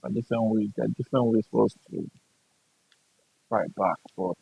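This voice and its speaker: A man's voice: fairly low pitch, fairly quick, gravelly, slight background noise. A young Nigerian man with a Nigerian accent, a gaming streamer in casual chat, blunt, profane and repeating his points. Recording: dull lo-fi dry sound.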